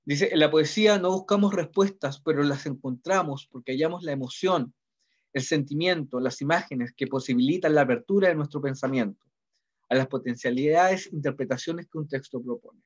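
This dull, lo-fi recording captures a middle-aged Chilean man lecturing on literature with a Chilean Spanish accent. He talks casually in a somewhat high voice, pausing again and again with "¿ya?" to make sure the class keeps up.

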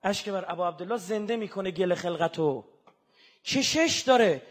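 A man giving an impassioned religious sermon, moving from hushed, mournful passages to loud, fervent outbursts. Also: high voice, lively intonation, husky. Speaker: religious speaker.

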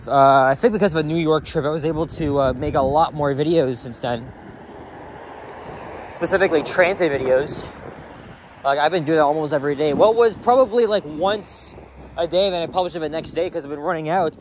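The vlogger, a young man whose voice sits on the high side, speaks a little fast as he rambles casually on an outdoor walk, handheld camera in tow. He's on a city sidewalk, with cars and street ambience in the background.

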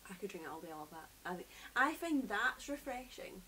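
A Scottish woman in her thirties chats eagerly about beer as a co-host, sitting on a sofa indoors. Her voice sits at a middle pitch. A faint hiss runs under the recording. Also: very animated, a little fast, pushed and bright, rough recording. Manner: chatty, enthusiastic. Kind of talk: casual chat. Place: living room sofa, indoors.

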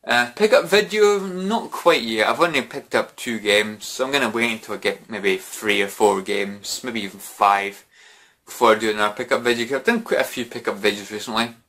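With a medium-pitched, sharp voice that runs a little fast, a young British man talks drunkenly to camera from a small home bedroom. His vlog chat is casual, rambling, and repetitive, full of "you know."

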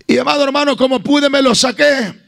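Fervent evangelist man, gravelly and high. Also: steady tone, fairly quick, fairly bright tone. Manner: impassioned, addresses listeners as "beloved brother". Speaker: guest evangelist. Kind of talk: preaching a sermon. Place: church service.

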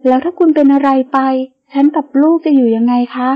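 A woman reading an audio novel, voicing a stubborn, tearful young pregnant heroine in a soft, pleading way. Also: sits high, brisk, muffled recording, natural voice. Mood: worried.

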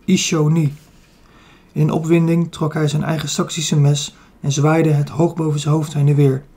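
A man narrating a children's adventure audiobook in an even, steady storytelling manner. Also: on the high side, husky. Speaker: audiobook reader. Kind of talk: scripted narration of a children's novel.

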